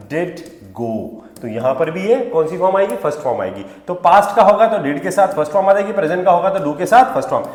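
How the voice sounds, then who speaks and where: High, lively male teacher in echoey room. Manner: poses rhetorical questions, then answers them; stresses key words for emphasis. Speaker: spoken English teacher. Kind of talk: grammar lesson to camera. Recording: echoey room with long reverb.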